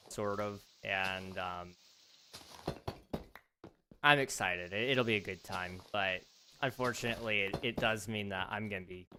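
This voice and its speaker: Here a livestream host with a fairly low voice chats his way through a casual gaming session while noise fills the background. Lots of filler words pad his rambling, and a bit of strain shows as his composure slips.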